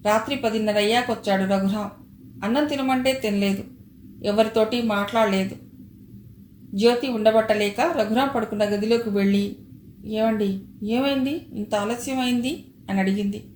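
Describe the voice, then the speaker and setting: A woman's voice: medium pitch, normal speed, slight background noise. Echoey woman narrating a story. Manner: steady, expressive reading. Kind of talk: storybook narration with character voices. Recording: echoey room with faint ambience.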